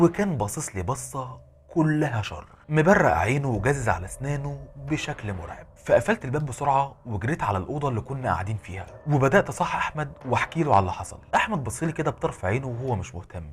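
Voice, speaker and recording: Egyptian Arabic horror narrator, a man, quick delivery with a lively, swinging pitch. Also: slight background noise. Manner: fast, animated storytelling. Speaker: horror storyteller.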